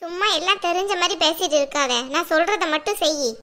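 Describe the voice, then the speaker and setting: A woman's voice: extremely high pitch, fast, sharp tone. A woman voicing a touchy young elder sister in a cartoon, defensive and snappish.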